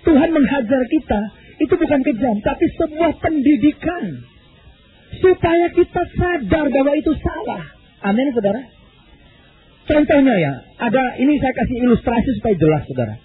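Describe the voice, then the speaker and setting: Lively high-voiced preacher man. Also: moderate pace, phone-quality sound. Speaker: pastor. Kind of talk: sermon storytelling.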